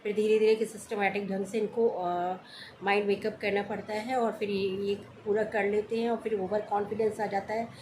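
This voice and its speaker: A woman's voice: medium pitch, little pitch movement, moderate pace, noisy background. A middle-aged woman vlogging casually from home, homely and chatty, now and then lecturing. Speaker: family vlogger. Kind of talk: casual vlog chat.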